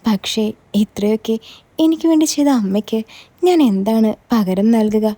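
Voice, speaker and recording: A woman narrating a scripted first-person story in a steady, measured reading voice. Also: fairly high pitch.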